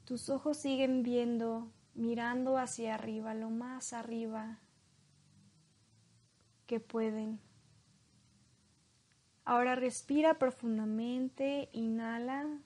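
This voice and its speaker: A woman leading a guided hypnosis in a slow, soothing hypnotist voice, leaving long pauses between phrases. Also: on the high side, little pitch movement, darkish tone.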